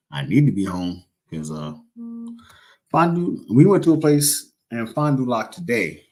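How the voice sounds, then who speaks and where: A man's voice: medium pitch, sing-song, measured pace, darkish tone. A young man casually chatting on a livestream, rambling and joking as he corrects himself mid-sentence. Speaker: livestream host.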